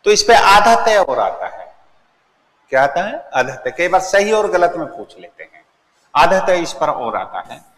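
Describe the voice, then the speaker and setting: Lively male teacher in an echoey classroom. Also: on the high side. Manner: asks the class questions and answers them himself; repeats key words slowly for emphasis. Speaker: Hindi grammar teacher. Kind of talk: classroom lecture. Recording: echoey classroom with long reverb.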